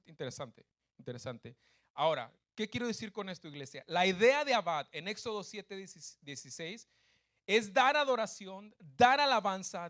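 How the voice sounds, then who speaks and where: Pastor, man with a high voice, preaching a sermon in church, emphatic and repetitive, keeps asking the congregation questions. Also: fairly bright tone. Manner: emphatic, repeats key phrases, asks the congregation questions.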